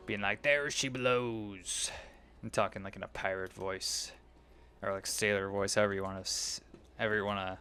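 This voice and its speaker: A little hiss or hum sits under the voice of a young man making gaming videos, chatting aimlessly as he plays, interrupting himself and regularly losing track of his point. His pitch is fairly low and his tone a bit bright.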